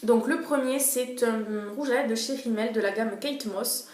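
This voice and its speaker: A woman's voice: on the high side, moderate pace, a little mellow. Chatty young woman in an echoey room. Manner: chatty, hesitant, repeats words and fillers. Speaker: beauty vlogger. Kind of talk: casual product review. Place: room in a home. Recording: echoey room, faint noise.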